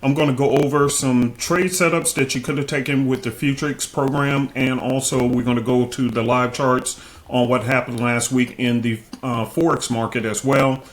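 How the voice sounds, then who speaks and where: A man's voice: medium pitch, steady tone, moderate pace. A man casually hosting trading chart commentary in informal, slangy speech, his cheek swollen after having teeth pulled. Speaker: trading video host.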